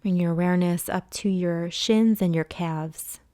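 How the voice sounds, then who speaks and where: Guiding a body scan, this female yoga and meditation teacher uses a lowish, very mellow, clean voice with fairly even intonation. Her delivery is hushed and calming, and long silences separate each gentle cue. No room echo colors the dry sound.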